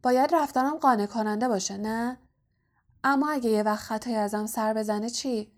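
A woman doing a cool, quick-talking teenage boy. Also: a little high, natural voice. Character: defiant teenage boy, male.

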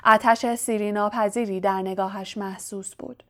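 A woman narrating a story for an audiobook in an even, measured storytelling manner. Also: medium pitch.

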